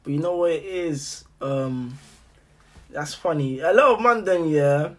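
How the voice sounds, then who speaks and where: A man's voice: a little high, unhurried, a bit bright, recorded from a distance. A young man with a London roadman accent, musing in slangy casual chat and repeating his phrases. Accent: London, urban roadman slang. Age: young adult.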